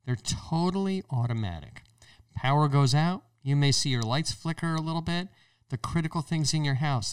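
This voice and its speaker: An American man who hosts a podcast and owns a solar business gives explanatory commentary on his show in a colloquial, emphatic way, repeating phrases to drive points home. His mid-range voice is recorded dry and from far away from the mic.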